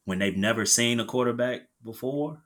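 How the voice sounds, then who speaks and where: A man in casual sports chat, relaxed and agreeable, often chiming in briefly. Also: medium pitch, normal speed. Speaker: sports talk co-host.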